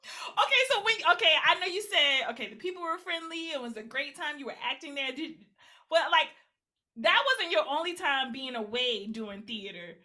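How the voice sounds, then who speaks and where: Host: bright, high-voiced young woman, animated and laughing, casual interview chat. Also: moderate pace. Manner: laughs often, animated and playful. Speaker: podcast host.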